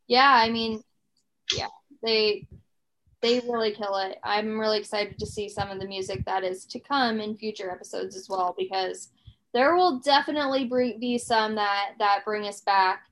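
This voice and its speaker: A woman's voice: mid-range voice, steady tone, normal speed, a bit bright, slight background noise, rough recording. A woman in her thirties co-hosting a podcast, chatting casually and rambling with plenty of fillers and restarts. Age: 30s. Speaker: podcast co-host. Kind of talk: casual chat.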